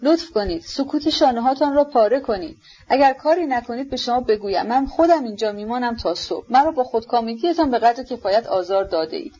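A commanding older noblewoman who scolds and demands answers, as a woman reader puts her on. Her voice runs high, and the sound is dull and lo-fi. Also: very animated, a little mellow. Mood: angry. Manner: scolding, bossy. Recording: dull lo-fi recording.

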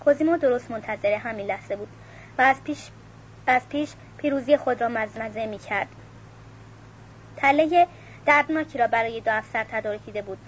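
Woman audiobook narrator, steady and measured, slightly high voice, muffled recording with faint hiss. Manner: steady, measured, with occasional self-corrections. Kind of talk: audiobook reading.

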